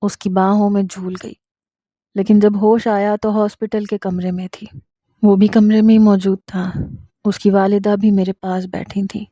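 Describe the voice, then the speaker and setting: A woman's voice: mid-range voice, flat delivery, mellow, no echo. A woman narrating a tragic romance in the first person, in an emotional, intense scripted storytelling style.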